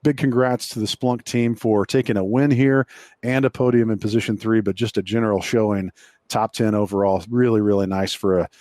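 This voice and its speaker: A man's voice: on the low side, steady tone, brisk, warm tone, dry recording. A man hosting from the studio, wrapping up a race segment and leading to interviews. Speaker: studio host. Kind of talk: broadcast link commentary.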